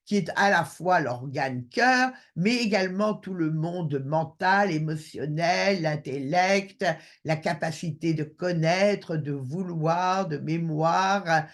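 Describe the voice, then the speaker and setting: A man's voice: fairly high pitch, takes it slowly. A man giving an online lecture over a video call, hesitant with many filler sounds.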